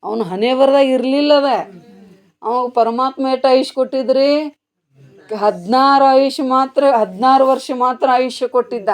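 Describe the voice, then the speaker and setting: A woman's voice: high-pitched, normal speed. Woman preacher telling a devotional story. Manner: storytelling with rhetorical questions, swings between hushed and loud. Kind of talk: devotional sermon. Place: ashram gathering.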